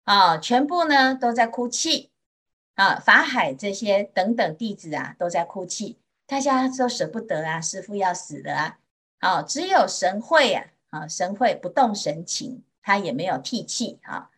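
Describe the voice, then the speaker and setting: A Buddhist nun from Taiwan giving a Mandarin sermon in a gentle storytelling manner, with drawn-out particles and a Taiwanese accent. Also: female voice, mid-range voice, very animated, breathy edge. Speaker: Buddhist nun teaching sutra.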